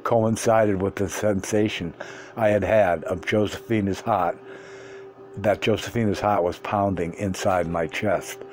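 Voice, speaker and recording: Guy reading a book out loud, kinda low voice, trips over a word now and then. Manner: unhurried, stumbles and restarts words. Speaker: reader. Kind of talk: first-person book reading.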